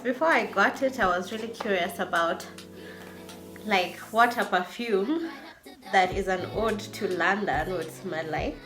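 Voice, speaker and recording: A woman vlogger chatting casually to camera in an effusive way, often repeating words for emphasis. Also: mid-range voice.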